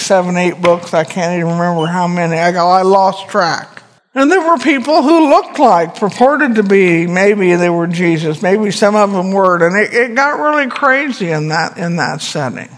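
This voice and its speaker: A man's voice: high voice, in a large hall. A male pastor preaching a sermon in a conversational, folksy way, with self-deprecating asides.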